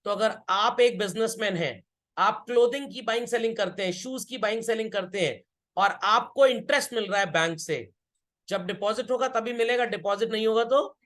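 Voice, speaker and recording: A man's voice: sits high, moderate pace, fairly bright tone. A man teaching an accountancy lesson, who keeps asking his students whether they have understood and repeats his key points. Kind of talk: classroom lecture.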